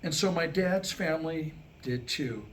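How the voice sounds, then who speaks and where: A middle-aged playwright gives a staged reading to a live audience, telling stories within a comedic monologue. He has a fairly high voice and keeps a measured pace. Background noise runs through the live room recording.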